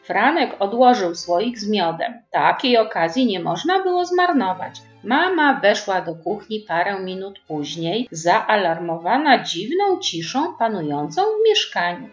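A woman reading a children's story aloud to preschoolers in a gentle, expressive storybook manner. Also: mid-range voice, unhurried, hardly any pauses. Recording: echoey, dull room with faint music.

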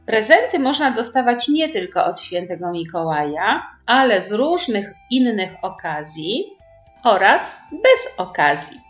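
A woman reading a children's story aloud, gently addressing young listeners. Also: medium pitch, sing-song, measured pace, soft background music. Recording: roomy, dull lo-fi recording.

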